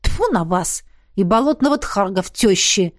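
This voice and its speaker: A woman reading a touchy young male adventurer who speaks in a quick, huffy way. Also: medium pitch, expressive, no echo, studio quality, lightly acted.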